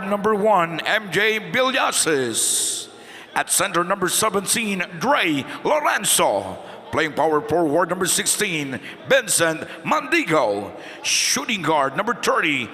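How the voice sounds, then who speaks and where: Filipino announcer guy stretching out player names, bright lively voice, big hall echo. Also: sits high. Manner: slow, drawn-out announcing of names. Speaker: game announcer. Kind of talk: arena player introductions. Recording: hall reverb of an indoor arena.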